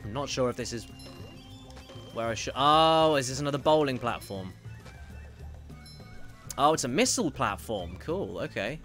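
Brief: male streamer, mid-pitched, loose rambling game commentary. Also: lively intonation, normal speed, long pauses, a bit bright, faint music behind. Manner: rambling, self-correcting, reads viewer messages aloud. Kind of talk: casual gameplay commentary.

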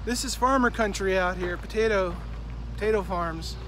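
A man's voice: high voice, normal speed. Chatty man vlogging on a windy roadside. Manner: rambling, self-correcting, chatty. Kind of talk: walking vlog with book reading. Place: outdoors on a rural roadside. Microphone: phone at arm's length. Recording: loud wind noise on phone mic. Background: wind and passing vehicles.

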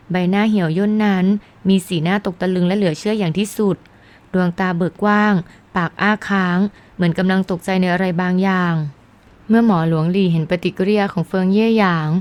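A woman calmly narrating a novel in a scripted audiobook reading. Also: medium pitch.

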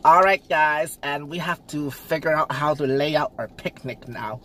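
A man's voice: on the high side, normal speed, pushed and bright. A man from Canada hosting a casual eating vlog, chatty and giggly with cheeky jokes. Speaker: vlog host. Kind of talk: casual mukbang chat.

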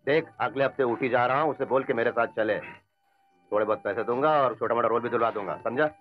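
A man's voice: medium pitch, steady tone, quick pace, highs cut off, soft background music, close to an everyday voice. An actor playing an arrogant, lecherous male film star who barks commands at others. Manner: commanding, shouting orders.

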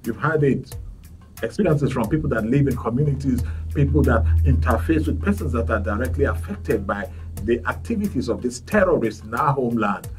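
A man, hosting a talk show with measured, formal phrasing. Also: medium pitch, lively intonation. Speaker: podcast host. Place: studio set. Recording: distant mic, faint music behind.

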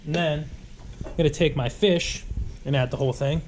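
A man's voice: on the high side, fairly even intonation, moderate pace, a little mellow. A man, narrating a casual home cooking vlog in an informal, emphatic way, often repeating his phrases. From Rhode Island, USA. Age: 20s. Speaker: home cook vlogger. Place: home kitchen, indoors. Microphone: action camera, close or at arm's length. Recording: clear background noise with clicks.

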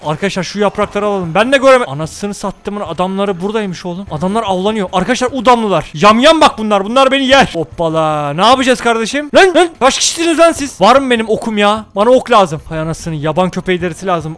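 High-voiced, fast-talking man narrating a game. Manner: loud, excitable, swears and shouts at enemies. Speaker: gaming video host. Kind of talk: excited gameplay commentary.

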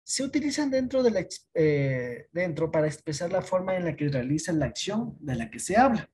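A patient teacher walking students through an online lesson. The voice is mellow and a little husky, with a middle pitch. Points are often closed with a quick check that the class follows. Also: big pitch swings. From Ecuador. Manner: explains patiently, asks checking questions.

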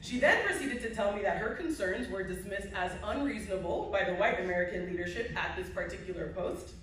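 An award recipient delivers a formal, emphatic acceptance speech from a podium to a seated audience in a big indoor hall, driving points home with repetitive rhetorical build. Her mid-range voice is lively, fairly quick, and a bit bright. A phone far back in the crowd picks up the podium mic, adding heavy echo and a faint room hum.

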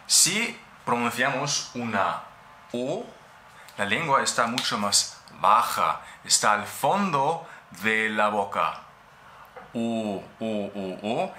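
A man from Austria, a German speaker with an Austrian German accent, gives a relaxed Spanish-language lesson on pronunciation and patiently repeats each sound many times. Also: medium pitch, reverberant, a little hiss or hum. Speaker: German teacher.

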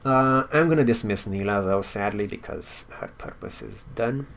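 A man's voice: fairly low pitch, normal speed, creaky, a bit bright, slight background noise. A man giving casual gameplay commentary, thinking aloud with wry asides and now and then reading story text out. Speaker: game player and commentator.

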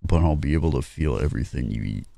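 A man reading as a calm, sinister magic doll. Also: very deep voice, fast, vocal fry, crowd noise, pitched above the performer's own voice, exaggerated voice. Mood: calm, eerie.

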